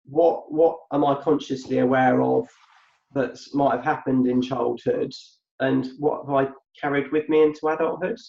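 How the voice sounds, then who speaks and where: Muffled and echoey, the audio features a man co-hosting a podcast, an adult with a business in his past. His medium-pitched voice holds a steady tone at normal speed, creaky and a little mellow. He reflects as he explains, thinking aloud and repeating words along the way.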